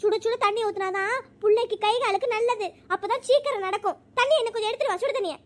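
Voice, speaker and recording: A performer voicing a bossy older woman in a cartoon, nagging and scolding in quick sharp retorts. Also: very high-pitched. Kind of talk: cartoon voice acting.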